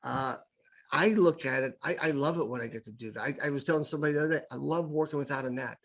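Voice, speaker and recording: This podcast guest, a middle-aged man with an improv background, shares stories in a relaxed, conversational way. He talks fast in a mid-range voice with a fairly bright tone, eagerly circling back on words to drive each point home.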